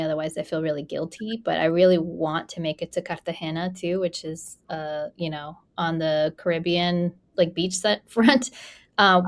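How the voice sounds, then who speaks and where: A woman in her forties from Colombia, a podcast guest and real estate investor talking through her experience in a casual, reflective interview, with frequent fillers. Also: deep voice. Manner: conversational, many fillers, reflective.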